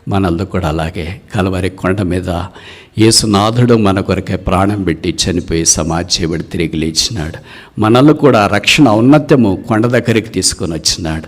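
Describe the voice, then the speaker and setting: A male preacher telling a parable in a sermon, with dramatic surges in pitch and loudness. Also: moderate pace. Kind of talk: storytelling sermon.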